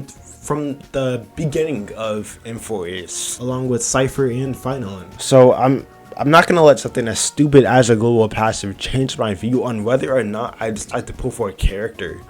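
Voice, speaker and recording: A young man making a casual video, talking fast with frequent stutters and restarts. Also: medium pitch. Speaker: video creator. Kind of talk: casual vlog commentary.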